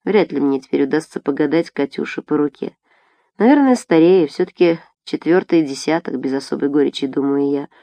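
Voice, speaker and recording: Woman audiobook reader, lowish voice, wry even narration, dead dry studio. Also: brisk, no echo.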